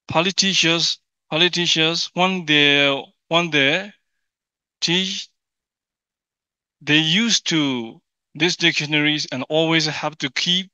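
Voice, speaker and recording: Halting Burmese-accented man, bright forceful voice. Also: fairly high pitch, clean tone. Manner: halting, repeats and rephrases phrases. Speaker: academic conference presenter. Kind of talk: formal paper presentation in non-native English. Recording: dull, echoey room sound.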